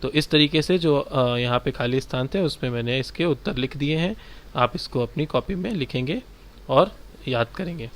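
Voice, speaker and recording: In a mid-range voice, a man teaches young pupils, going over their textbook exercises one at a time and explaining each slowly and straightforwardly.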